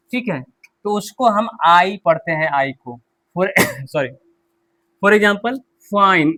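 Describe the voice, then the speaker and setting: Male teacher, fairly high voice, unhurried, drills the rules over and over with quiz questions. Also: sharp tone. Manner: slow, repetitive, quizzes the listener with questions. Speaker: English teacher. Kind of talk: classroom lesson explaining pronunciation rules.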